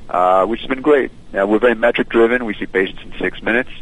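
A man's voice: mid-range voice, fast talker, poor audio. A man heard over a landline phone, a company founder giving a radio interview in a fluent, businesslike way with frequent fillers. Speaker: company founder and CEO, guest. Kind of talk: radio interview guest explaining his service.

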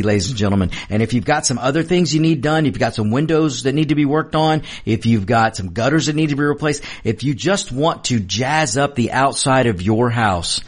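A man hosting talk radio in an emphatic unscripted monologue, repeating phrases for effect. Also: mid-range voice.

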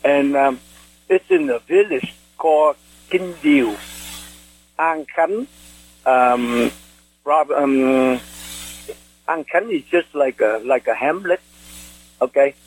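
A man's voice: medium pitch, lively intonation, slow, long pauses, soft background music, poor audio. An older man from Vietnam with a Vietnamese accent, recollecting in a radio interview and often searching for words in English, which is not his first language. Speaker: interview guest, war veteran.

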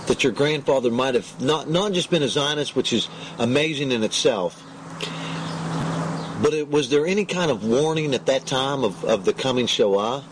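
A man's voice: mid-range voice, moderate pace, background noise. A man hosting an interview, speaking emphatically and cutting in with questions. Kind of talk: talk show interview.

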